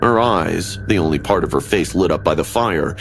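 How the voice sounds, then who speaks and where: A man with a very deep voice tells a horror story in steady, ominous scripted narration. Background music plays clearly under his words throughout. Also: normal speed. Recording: animation audio with background music.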